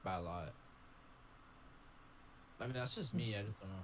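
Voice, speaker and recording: A man's voice: fairly low pitch, normal speed, noisy background. A young man playing a tabletop game who muses aloud and hedges with many fillers. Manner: musing, hedging with many fillers. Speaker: player. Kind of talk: casual table talk.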